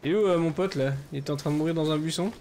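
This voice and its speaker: A man talks through his survival game, his voice sitting a little on the high side. He rambles, stalls on fillers and restarts, and jumps into loud, excited shouting when the action heats up. Steady rain from the game plays clearly behind him. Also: rapid-fire, a little hiss or hum. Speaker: gaming YouTuber. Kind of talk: solo survival game let's play commentary.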